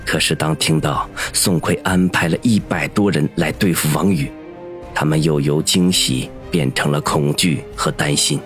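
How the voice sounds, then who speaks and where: Very deep-voiced male narrator. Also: normal speed, faint music behind. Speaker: audiobook narrator. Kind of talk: scripted narration.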